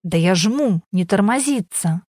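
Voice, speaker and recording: A woman's voice: mid-range voice, lively intonation, a little slow, darkish tone, no room sound, studio quality. A woman voicing a flustered, defensive woman who panics while learning to drive, in an audiobook.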